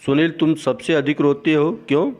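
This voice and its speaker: A man's voice: fairly high pitch, little pitch movement, moderate pace, darkish tone, voice pushed up, natural voice. A man reading the lines of a stern female Queen of the Night from a school play, in a plain voice with a slight lift. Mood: scolding. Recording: dull lo-fi recording.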